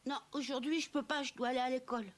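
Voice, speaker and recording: A woman's voice: high-pitched, fairly even intonation, fast, crowd noise, natural voice. A woman voicing a mischievous wooden puppet boy in a children's audio story, eager and childlike. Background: music.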